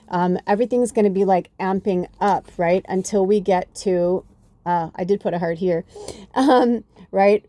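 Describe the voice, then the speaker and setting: A woman's voice: medium pitch, dark tone, no room sound. A woman in her fifties giving a rambling, profane, casual tarot reading with lots of fillers. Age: 50s. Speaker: tarot reader.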